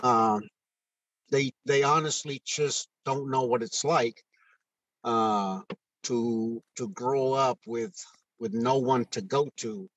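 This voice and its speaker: This is a candid interview with a retired first sergeant, a sixty-something man from Mexico, captured as phone-call audio. He talks earnestly with heart, but haltingly, with lots of restarts and fillers, in a mid-range voice. The recording is muffled, with no room sound.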